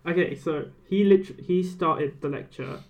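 A man's voice: a little high, a little slow, creaky, a little mellow. A young man, a first-year university student, co-hosting a podcast in a laid-back, hesitant chat. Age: young adult. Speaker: podcast co-host. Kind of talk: casual chat.

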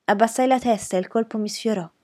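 A woman voicing a hostile, defiant poor young woman on the witness stand, shrill and defensive. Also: fast, warm tone, lightly acted.

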